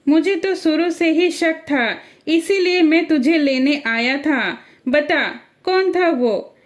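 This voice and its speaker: A woman's voice: high-pitched, takes it slowly. Woman doing a suspicious angry husband. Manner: accusing, scolding.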